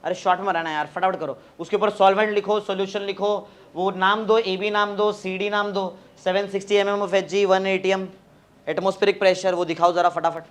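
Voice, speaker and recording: High-voiced urgent chemistry teacher. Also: male voice, little pitch movement, fairly quick, smooth. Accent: Marathi-influenced Hindi. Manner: urgent, keeps urging students to hurry and asking questions. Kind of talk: classroom lecture.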